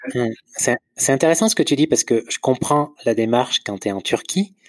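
Male interviewer, curious and probing, dry close-miked voice, mid pitch. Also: animated, a little fast, no echo. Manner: probing, restates and rephrases questions. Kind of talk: casual conversational interview.

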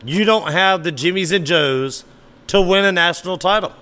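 A man with a high, sharp-toned voice runs a solo sports podcast at normal speed. He talks casually and animatedly, occasionally arguing back at listeners he imagines.

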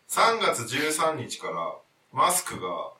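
A man hosting a casual basketball chat, talking quickly and laughing between lively asides. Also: a little high, recorded from a distance. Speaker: podcast host. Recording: roomy, off-mic, with noise.

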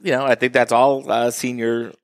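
A man's voice: medium pitch, little pitch movement, moderate pace, no echo, clean studio sound. A man as the guest in a casual interview, explaining at length and acting out what buyers say. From northeastern Massachusetts. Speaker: real estate guest.

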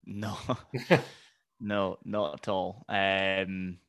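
Low-voiced man with a Highland Scottish accent. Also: level tone, drawn-out words, fairly bright tone, clear, resonant tone, dry recording, studio quality. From Highlands of Scotland. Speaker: podcast guest, entrepreneur. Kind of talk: conversational personal storytelling.

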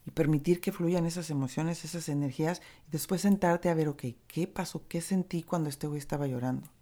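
A Mexican woman with a low voice shares a reflective motivational talk on recovery. Her tone is mellow and soft-edged. She speaks with candid, earthy directness, moving between gentle encouragement and casual profanity. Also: brisk.

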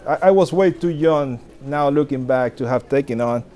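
A man's voice: medium pitch, moderate pace. A man in his forties from the Dominican Republic, giving an informal talk to pastors with frequent restarts and light laughter. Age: 40s. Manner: warm, self-deprecating, laughs often, frequent restarts. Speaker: pastor speaking to church leaders.

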